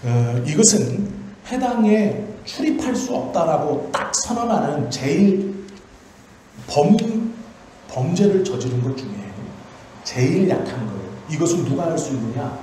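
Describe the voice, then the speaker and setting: Male pastor, sermon, asks and answers his own questions, warm tone, very echoey church hall, faint hum behind. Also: on the high side, sing-song, a little slow. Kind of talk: Friday prayer sermon.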